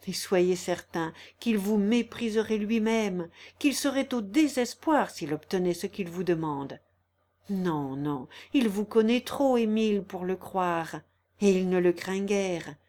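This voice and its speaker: A woman reading the part of a proud, gentle, resolute young woman in an audiobook, earnest and persuasive. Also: mid-range voice, close to an everyday voice.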